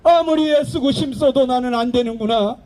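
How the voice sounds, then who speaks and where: A man's voice: extremely high pitch, normal speed, darkish tone. A preacher acting out a despairing, repentant man dying of a snakebite, wailing and pleading within his sermon.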